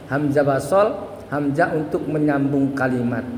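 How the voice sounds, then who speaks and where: A man's voice: medium pitch, slight background noise. Echoey man teaching Quran recitation. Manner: patient, repeats points with many "ya" tags, chants examples slowly. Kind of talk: tajwid lesson with sung demonstrations. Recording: echoey room with long reverb.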